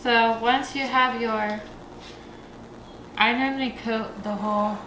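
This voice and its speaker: A woman with a fairly high voice lays out the cooking steps in a plain, easygoing way, with the odd filler. Kitchen sounds hum steadily behind her. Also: fairly even intonation, takes it slowly, roomy sound. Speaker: co-host of a family cooking channel. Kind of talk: casual cooking demo chat. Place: home kitchen. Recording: noisy home kitchen.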